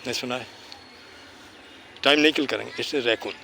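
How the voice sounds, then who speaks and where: A man teaching school students outdoors, lecturing and firing rhetorical questions. He slows down and speaks deliberately whenever he switches into English. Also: medium pitch, vocal fry, bright, forceful tone, slight background noise. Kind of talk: informal lecture with quiz questions. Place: outdoors in a park.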